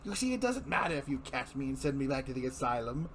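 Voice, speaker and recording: A man's voice: mid-range voice, big pitch swings, quick pace, fairly bright tone, slight background noise. A man voicing the Joker-like mad clown villain of a comic book, grandiose, mocking and bitter, in a dramatic reading. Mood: smug taunting. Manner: grandiose showman delivery, mocking, swooping emphasis.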